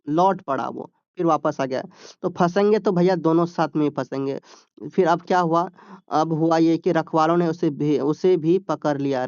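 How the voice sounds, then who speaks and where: A man's voice: a little high, darkish tone, smooth, no room sound, dull audio. A male teacher, reading a textbook story aloud and explaining it in plain talk, often checking with "ठीक है?".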